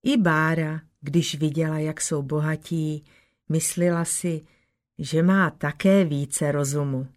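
A woman reading a folk tale aloud in a measured storytelling manner, dropping to soft whispers now and then. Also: deep voice, fairly even intonation.

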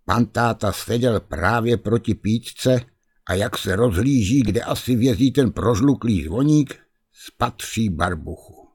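A man reading a fairy tale aloud in a lively, expressive way. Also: fairly low pitch, slightly rough. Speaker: storyteller.

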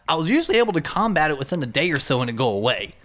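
A man chatting casually and telling stories in a rambling, animated way with plenty of swearing. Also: fairly high pitch, very fast. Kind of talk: casual chat, storytelling.

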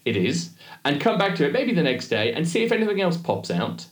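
A man's voice: fairly high pitch, big pitch swings, a little fast. Chatty man in an echoey room. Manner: chatty, jokey, digressive. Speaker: podcast co-host. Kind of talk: casual chat. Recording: roomy echo.

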